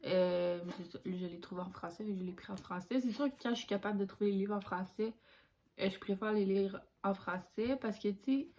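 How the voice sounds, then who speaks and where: A woman's voice: medium pitch, a little fast, a little mellow. A young woman with a Québécois French accent, chatting casually and informally about books as a book vlogger. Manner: chatty and informal, with colloquial phrasing.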